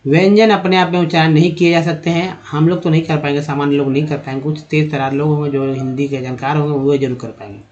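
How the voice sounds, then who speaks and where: A man's voice: fairly high pitch, fairly even intonation, a little mellow. Hindi-speaking man teaching, dull lo-fi sound. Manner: asks rhetorical questions and answers them, repeats sounds slowly. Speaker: English teacher. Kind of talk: spoken lesson explaining English spelling and pronunciation. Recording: dull lo-fi recording.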